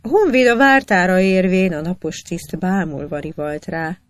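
A narrator reading historical anecdotes aloud in an even storytelling manner. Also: medium pitch, no echo, studio quality.

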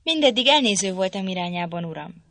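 A woman voicing a stern, indignant gentleman husband, speaking stiffly and reproachfully in an audiobook reading. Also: mid-range voice, expressive, dry recording.

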